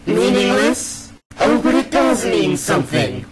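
A man voicing a deranged, bloodthirsty villain in a fan-dubbed game cutscene, theatrical and taunting, swinging between slow drawl and manic shouts. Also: sits high, sing-song, gravelly, heavily acted. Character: deranged, bloodthirsty male villain who relishes fighting. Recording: loud game music behind the voice.

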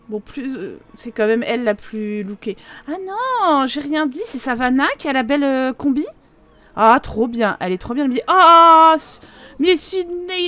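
A young woman giving chatty, excitable commentary while playing a life simulation game, laughing often and exclaiming. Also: high-pitched. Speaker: gaming video host. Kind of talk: casual Let's Play commentary.

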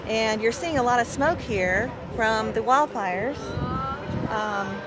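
A woman's voice: on the high side, expressive, slow, heavy background noise. Informative woman narrating outdoors. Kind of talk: casual narration to camera. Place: outdoors at a dam. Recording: loud outdoor ambience.

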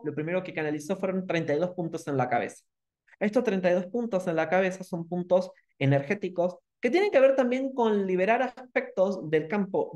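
In an animated online masterclass, a man with a Rioplatense Spanish accent stresses his questions by repeating them. His voice has a fairly high pitch.

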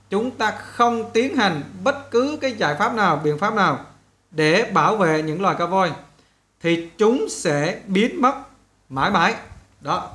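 A man teaching an English listening lesson to students. He explains step by step and models each English word slowly, repeating it several times. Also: on the high side, fairly bright tone.

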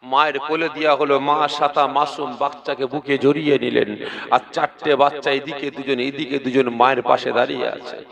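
A man's voice: medium pitch, little pitch movement, normal speed, vocal fry. A male preacher delivering an impassioned storytelling sermon at an outdoor religious gathering, speaking directly to his listeners. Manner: addresses the audience directly. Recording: loud crowd noise at a gathering.

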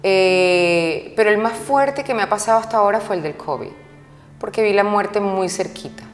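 A woman's voice: medium pitch, normal speed. Emphatic woman in an echoey room. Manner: emphatic, repeats words for stress. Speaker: interview guest. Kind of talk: candid conversational storytelling. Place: interview set. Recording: roomy reverberant room, faint music.

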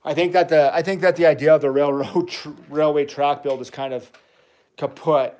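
A man's voice: fairly high pitch, fairly even intonation, a little mellow. Chatty man rambling on a livestream. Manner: rambling, chatty, quick asides to viewers. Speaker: toy channel host. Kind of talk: casual livestream chat. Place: family home.

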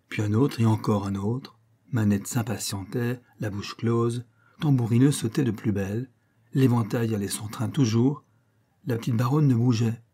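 Homme au timbre sombre et voilé. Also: male voice, medium pitch, warm tone, husky. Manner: measured, storytelling. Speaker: audiobook reader. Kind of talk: literary audiobook narration.

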